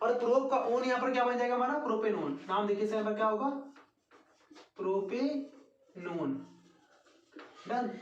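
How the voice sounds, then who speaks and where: A man teaching a chemistry lesson to a class. He repeats formulas slowly and keeps asking the class questions, then answers them himself. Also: high-pitched, fairly bright tone. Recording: echoey room.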